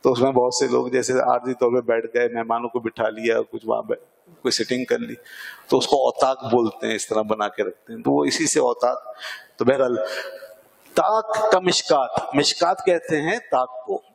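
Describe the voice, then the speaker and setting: A man delivers a religious lecture in a measured, explanatory way, slowing down whenever he recites the Arabic verse. His voice sits in a middle pitch. The sound carries the long reverb of a large hall. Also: steady tone, gravelly. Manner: explanatory, asks and answers own questions. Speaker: Islamic scholar.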